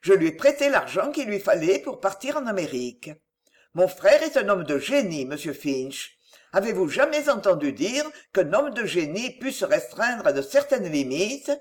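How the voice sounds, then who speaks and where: A generous young gentleman from a storybook, speaking with unruffled tranquility, as a reader voices him. His tone stays even and gentle, with lively intonation. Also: medium pitch, normal speed, close to an everyday voice. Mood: calm. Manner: calm, tranquil.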